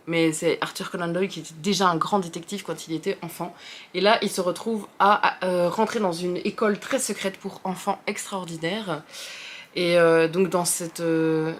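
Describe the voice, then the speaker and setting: Young woman, French accent, slightly low voice, loose chatty book talk full of fillers, faint room hiss. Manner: rambling, many fillers and restarts; self-deprecating, chatty. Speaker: book video host. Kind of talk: casual chat about books.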